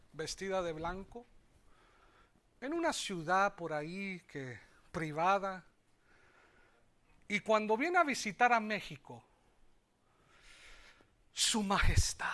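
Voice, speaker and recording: High-voiced Mexican preacher, slow and bright. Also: male voice. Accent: Mexican Spanish. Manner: preaching with swings between loud exclamations and low asides; calls on the congregation to repeat after him. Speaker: pastor. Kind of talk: sermon.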